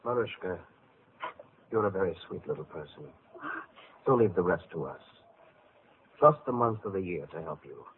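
An actor voicing a wise, old spirit of the winter month in a vintage radio play, grave and soothing. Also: male voice, low-pitched, expressive, moderate pace, pauses often, slight background noise. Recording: tinny old radio broadcast.

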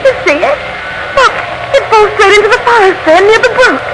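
A woman playing a tender, excitable wife in an old radio drama, speaking with heartfelt theatrical earnestness. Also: very high-pitched, a little fast, background noise. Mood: excited, urgent. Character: devout, tender, excitable peasant wife longing for a child. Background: music.

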